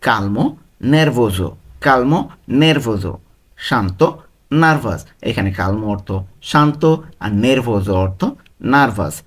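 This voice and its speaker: A man at a middle pitch leads a step-by-step vocabulary lesson. He works through it slowly and patiently, saying each word more than once. He poses a question and then answers it himself. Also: lively intonation, breathy edge. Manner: slow, repeats each word and meaning, asks and answers his own questions. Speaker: language tutor.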